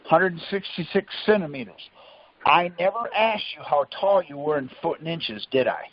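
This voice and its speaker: The teacher running this group conference call is a man with a slightly high, animated voice and a moderate pace. He coaches through persistent questioning, drawing answers out of his listener Socratically, and the phone audio comes through muffled and lo-fi.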